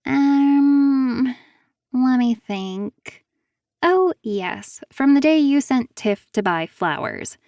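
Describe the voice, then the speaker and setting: A woman's voice: high-pitched, animated, drawn-out words, darkish tone, no room sound, clean studio sound, voice pushed up, heavily acted. A woman reading an audiobook, voicing a sly woman author who taunts in a falsely sweet way. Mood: smug taunting.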